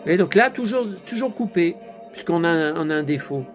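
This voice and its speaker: Reviewing a DVD as he watches it, a male vlogger chats away in a fairly high, animated voice at a brisk pace, over soft background music. He keeps addressing his viewers with tag words and mutters to himself whenever he gets flustered.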